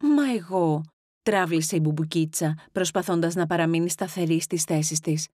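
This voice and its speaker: A woman reads an animal storybook aloud in a low, steady voice. She is expressive and gives each farmyard creature its own voice. The sound is dry and close, with no room around it. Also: dry recording. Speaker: audiobook narrator. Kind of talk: storybook reading.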